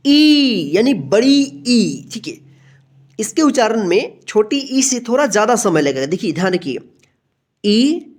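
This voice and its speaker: A woman's voice: medium pitch, slightly rough. A woman teaching a beginner alphabet lesson, patient and repetitive, who draws out each letter sound and checks in with her students again and again.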